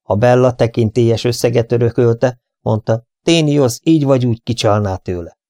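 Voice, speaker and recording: A man's voice: mid-range voice, dark tone, no echo, clean studio sound, close to an everyday voice. A man reading an audiobook, playing a breezy, flippant young man with a light, offhand manner.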